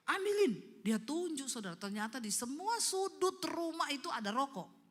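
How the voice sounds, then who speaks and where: A woman's voice: high-pitched, lively intonation, normal speed, big-room sound. A woman pastor preaching a sermon, telling stories emphatically and calling out to the congregation.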